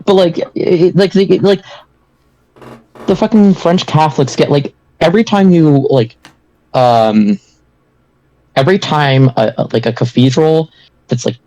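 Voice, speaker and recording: A man co-hosts a casual podcast in a dry, close-miked sound. His voice is a touch higher than most men's. He halts and restarts often and drops frequent curses. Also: warm tone, no room sound, low-quality recording. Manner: halting, swears often, many fillers. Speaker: podcast co-host. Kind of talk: casual chat.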